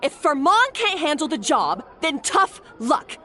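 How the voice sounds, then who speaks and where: Harsh, shrill, domineering head chef. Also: female voice, big pitch swings, unhurried, bright, forceful tone, full character voice. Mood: haughty, defiant. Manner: haughty, snapping, commanding. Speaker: game voice actor. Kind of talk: animated game voice acting.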